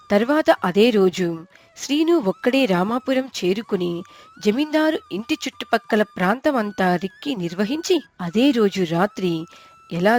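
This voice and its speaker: A woman calmly narrating a cartoon moral story and voicing the wife. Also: mid-range voice.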